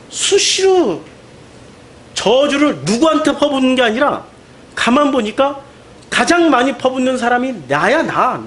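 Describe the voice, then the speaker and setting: A male pastor delivering a sermon in an emphatic, animated way, full of rhetorical questions. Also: very high voice, a little hiss or hum.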